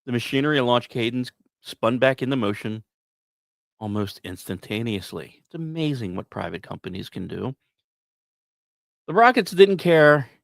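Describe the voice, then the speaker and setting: In a storyteller's manner, a podcast host reads scripted narration sprinkled with casual asides, using dramatic pauses and emphasis. His voice is medium-pitched with vocal fry, and the recording has no echo.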